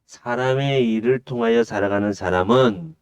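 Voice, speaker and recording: Preaching at a normal pace in a smooth, medium-pitched, a little mellow voice, a male pastor asks his congregation questions and then supplies the answers. He also raises his voice to act out the disciples pleading.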